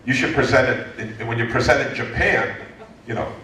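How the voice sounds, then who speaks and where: Taking a question from the audience, this US entrepreneurship guest speaker in his fifties jokes around lively and keeps restarting his sentences. He speaks at normal speed in a mid-range voice, recorded from far off in an echoing lecture hall.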